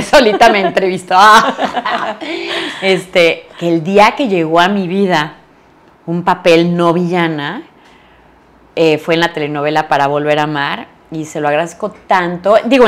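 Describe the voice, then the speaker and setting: A middle-aged woman from Mexico, an actress talking in a casual interview and acting out the lines she quotes. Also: fairly low pitch. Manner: animated storyteller, acts out quoted lines.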